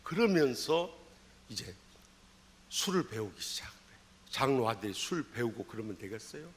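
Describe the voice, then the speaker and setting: A man's voice: mid-range voice, very animated, normal speed. A man in his sixties with a Jeolla accent, a pastor telling a personal story in a dawn sermon with dramatic swings of voice. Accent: Jeolla Korean. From Jeolla, Korea. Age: 60s. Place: church sanctuary.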